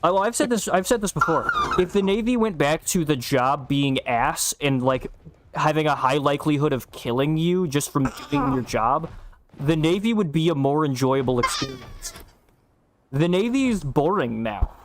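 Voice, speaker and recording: A man's voice: on the high side, expressive, moderate pace, noisy background. A young man streaming a game and chatting casually, blunt and profane, bantering with his co-host. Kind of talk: casual chat while gaming.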